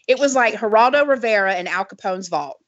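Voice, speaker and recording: A woman with a cackling laugh, co-hosting a casual chat podcast as an animated storyteller. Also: medium pitch, fairly quick, no echo. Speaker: podcast co-host. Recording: slightly dull lo-fi audio.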